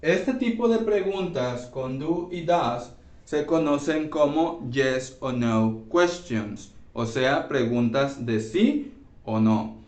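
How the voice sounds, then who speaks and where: A man teaching an English grammar class, explaining slowly and checking in with his students often. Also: mid-range voice, expressive, a little mellow. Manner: slow, repeats and checks with "¿sí?". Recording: echoey room, voice from far off.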